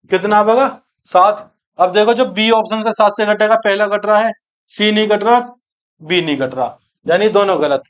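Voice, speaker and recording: A man from teaching a maths class, working each problem aloud and asking his students questions. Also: high-pitched. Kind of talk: exam-prep maths lesson. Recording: dull lo-fi online class recording.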